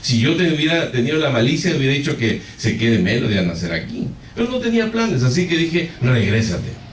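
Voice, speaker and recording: Animated man preaching in an echoey hall. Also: on the high side, fast, a little hiss or hum. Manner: animated storytelling with direct address to the congregation. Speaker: pastor. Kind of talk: sermon. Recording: echoey hall, far from the mic.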